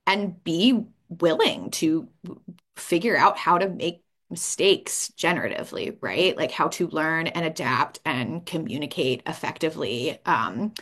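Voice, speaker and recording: A woman's voice: deep voice, expressive, a little slow, fairly bright tone. A woman academic moderating a panel discussion, thoughtful and conversational with casual fillers.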